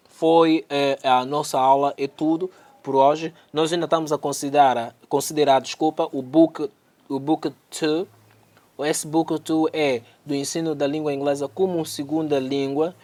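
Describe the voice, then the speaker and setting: Male teacher with a high voice. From Angola. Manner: explains slowly, repeats the English phrases and then translates them. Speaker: English teacher. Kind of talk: online English lesson in Portuguese.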